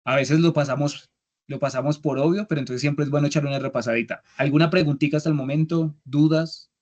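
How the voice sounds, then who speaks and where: Man, young adult, instructor, patient, repeats steps, asks "listo", slightly raised pitch. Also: steady tone, fast talker, a little mellow, lo-fi sound. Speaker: English instructor. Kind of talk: online class explanation.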